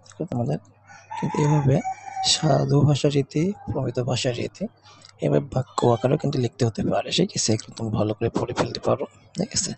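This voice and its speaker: Husky guy going over exam answers, says stuff twice, asks ok? every few lines. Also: brisk, a little mellow, no room sound. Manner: keeps asking "okay?" with a rising pitch; repeats each word twice as he reads. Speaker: teacher. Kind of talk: exam revision lesson.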